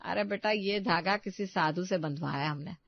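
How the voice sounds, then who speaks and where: A woman's voice: lowish voice, normal speed, creaky, no room sound, highs cut off. A woman voicing an older mother-in-law in a cartoon story, scolding but affectionate. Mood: coaxing.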